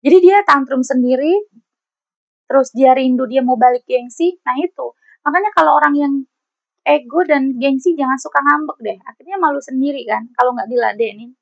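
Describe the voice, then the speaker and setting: High-voiced chatty woman tarot reader. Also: normal speed, dry recording. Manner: chatty, teasing, laughs often. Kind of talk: casual tarot reading to viewers. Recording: dry, slightly dull lo-fi recording.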